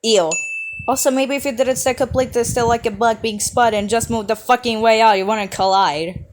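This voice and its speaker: A woman's voice: a little high, fairly even intonation, normal speed, a little hiss or hum. A woman giving sarcastic roast commentary, snarky and full of swearing.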